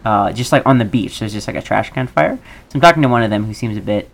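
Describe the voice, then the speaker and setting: Creaky-voiced gamer thinking aloud. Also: medium pitch, fast talker. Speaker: video game player. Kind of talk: casual gameplay commentary, reading dialogue choices aloud.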